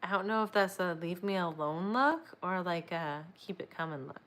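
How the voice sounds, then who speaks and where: A woman's voice: on the low side, animated, moderate pace, a bit bright. A young woman chatting casually while she crochets, rambling, laughing often and cooing at her dogs. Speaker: crochet vlogger.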